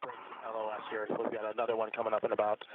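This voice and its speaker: A man's voice: fairly low pitch, completely flat delivery, quick pace, crowd noise. A man reading checklist steps as a spacewalk crew member, heard over a crackly space-to-ground radio link. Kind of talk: procedural radio callouts. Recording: tinny radio link with static.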